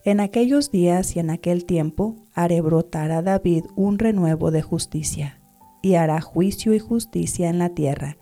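Female scripture reader, low voice, measured delivery. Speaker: Bible reader. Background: soft background music.

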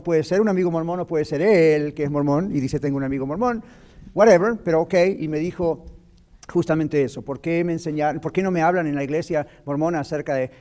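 Mellow-voiced man teaching on radio. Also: on the high side. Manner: explanatory, preacherly, mixes English words. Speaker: radio show host, doctor. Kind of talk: radio talk on Bible teaching.

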